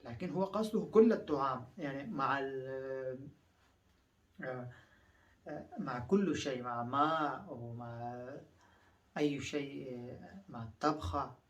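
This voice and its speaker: A male language teacher with a mid-range voice, set back from the microphone. He repeats each phrase several times, then explains it slowly and stops often on thinking sounds. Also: medium pitch, far from the mic. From Afghanistan. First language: Pashto.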